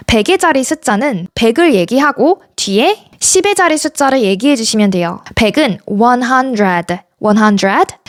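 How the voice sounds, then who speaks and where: A woman teaching English numbers in a bright, fairly high voice that moves a lot in pitch. She slows right down to model each word. The sound is dry and close. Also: dry recording. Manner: slow, drawn-out model words between explanations. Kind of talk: pronunciation lesson.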